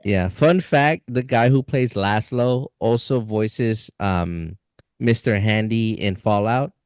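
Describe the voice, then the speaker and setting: Excited male podcast co-host, dry sound. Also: fairly low pitch, slow, clear, resonant tone, dry recording. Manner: enthusiastic, says dude and freaking, laughs easily. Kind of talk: casual chat.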